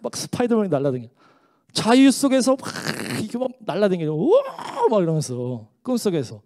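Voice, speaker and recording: A man's voice: on the high side, darkish tone. Earnest man pastor giving testimony. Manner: earnest, emotional storytelling. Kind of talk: testimony in a church service. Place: church sanctuary during worship.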